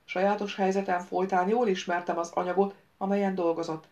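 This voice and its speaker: A woman reading the part of a sharp-tongued young woman, a former bodyguard, with a cool, cutting manner, in an audiobook. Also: medium pitch, little pitch movement, lo-fi sound, close to an everyday voice.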